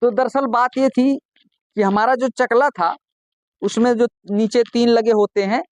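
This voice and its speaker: A man's voice: extremely high pitch, fairly even intonation, measured pace, a little mellow, no echo. A man performing stand-up comedy, telling folksy jokes conversationally and acting out the dialogue in them.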